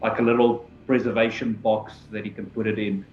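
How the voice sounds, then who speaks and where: A man's voice: lowish voice, level tone, fairly quick. A man talking casually as a player in a tabletop role-playing game. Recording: echoey room, dull lo-fi mic, faint noise.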